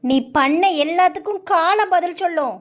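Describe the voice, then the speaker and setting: Woman doing a super high cartoon village mom, scolding, southern tamil accent. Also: moderate pace. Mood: indignant. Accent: southern Tamil Nadu. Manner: reproachful, scolding. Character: indignant middle-aged village mother.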